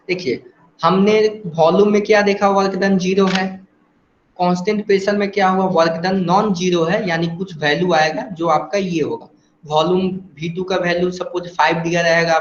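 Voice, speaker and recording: A man's voice: high-pitched, slight background noise. A man teaching engineering in an online class with an Indian accent. He explains step by step and keeps asking rhetorical questions. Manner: explains step by step, asks rhetorical questions, frequent "theek hai". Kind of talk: online lecture. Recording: dull roomy online class audio.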